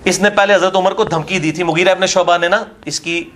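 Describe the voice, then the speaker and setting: A man's voice: high voice, fairly even intonation, fairly bright tone, a little hiss or hum. A man as an interview guest, arguing a religious point in a combative, scornful way with pointed rhetorical questions. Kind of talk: heated religious debate talk.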